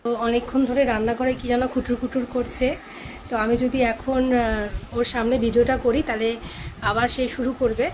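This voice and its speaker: Home vlogger, young woman, bossy and teasing, bright high voice, talks fast. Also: little pitch movement, slight background noise. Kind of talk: casual home vlog. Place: home indoors.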